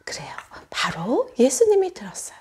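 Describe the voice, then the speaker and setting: A woman children's pastor tells a Sunday school story in a high voice that swings widely in pitch. She keeps asking the children questions and often drops into hushed whispers. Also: huge pitch swings, moderate pace.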